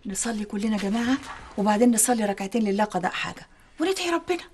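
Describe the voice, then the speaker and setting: An actress playing a calm Egyptian woman doctor who gently reassures a distraught family. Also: mid-range voice, very fast, a little hiss or hum, lightly acted. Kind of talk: TV drama acting.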